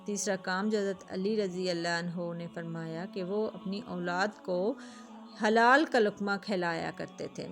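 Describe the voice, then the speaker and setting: Woman storyteller, earnest moral narration, faint music bed. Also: on the low side. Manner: earnest, addresses viewers directly.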